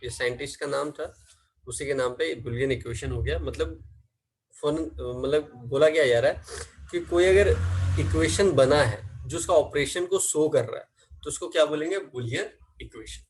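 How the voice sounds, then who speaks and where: A man teaching a class, asking questions and then answering them himself, slow and drawn out when dictating definitions, mixing Hindi with English terms. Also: fairly high pitch, slightly rough, poor audio. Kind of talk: classroom lecture.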